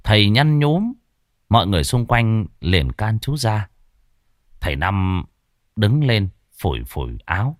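A man narrating a ghost story in an expressive storytelling manner. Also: on the low side, measured pace, no echo, clean studio sound.

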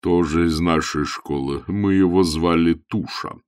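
A man's voice: sits low, steady tone, a little slow, darkish tone, clean tone, dry recording, clean studio sound. A man reading an audiobook voices a troubled, pompous elderly bishop who sighs over his troubles and quotes scripture. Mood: rueful. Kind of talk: audiobook character voice.

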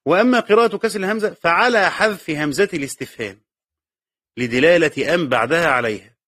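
A man's voice: on the high side, fast, a bit bright, no room sound, studio quality. Egyptian man lecturing on a text. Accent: Egyptian Arabic. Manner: reads a passage aloud, then explains it, repeating key words. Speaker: teacher of Quran commentary. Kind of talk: classroom lecture reading and explaining a text.

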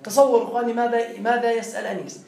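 A man's voice: very high voice, fairly even intonation, rapid-fire, gravelly, a little mellow, far from the mic. A man teaching a classroom grammar lesson, explaining step by step and quizzing his students. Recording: roomy classroom with faint noise.

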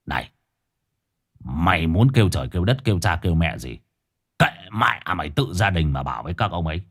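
A man's voice: very deep voice, lively intonation, measured pace, a little mellow, pitched below the performer's own voice, heavily acted. A man voicing a drunk, menacing male village enforcer who slurs and drawls his threats. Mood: furious bullying.

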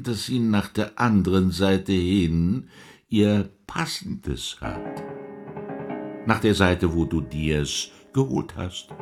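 An actor playing the Devil as a sly, mocking, smooth-talking tempter in a radio drama, theatrical and insinuating. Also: male voice, low-pitched, exaggerated voice. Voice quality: husky, breathy, creaky. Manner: theatrical, insinuating, wordy with mannered archaic phrases.

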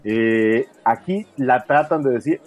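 A man's voice: mid-range voice, takes it slowly, a little mellow, muffled recording. A man with a Mexican accent in a casual film discussion, colloquial and often seeking agreement. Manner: colloquial, seeks agreement with tag questions. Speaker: podcast panelist.

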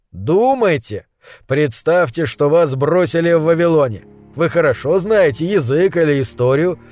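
A man's voice: on the high side, close to an everyday voice. Man reading as a bitter exile from the future. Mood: insistent. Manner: insistent, then quiet and bitter. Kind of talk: audiobook reading.

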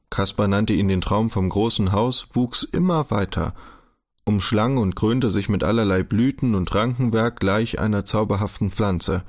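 Low-voiced male audiobook narrator. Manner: measured, even storytelling. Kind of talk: audiobook reading.

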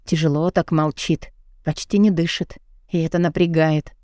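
A woman's voice: deep voice, fairly even intonation, moderate pace, a little mellow, no echo, clean studio sound. A woman narrating a novel in the first person, reading dramatically and with strong emotion. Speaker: audiobook narrator.

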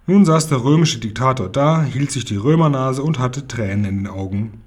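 A man reading a children's novel aloud in a relaxed way, with small slips and his own asides. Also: mid-range voice, normal speed. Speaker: reader of a children's book.

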